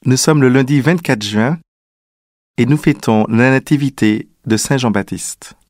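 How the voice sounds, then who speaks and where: A man leading a guided prayer in a calm, measured liturgical manner, introducing the reading. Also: medium pitch, no room sound, clean studio sound. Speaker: prayer leader.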